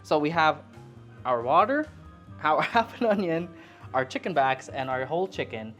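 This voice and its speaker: Here a woman in her twenties, a Filipino cooking vlogger, talks at normal speed with a low pitch and lively intonation. Soft music plays as she chats casually and self-deprecatingly while cooking in her home kitchen.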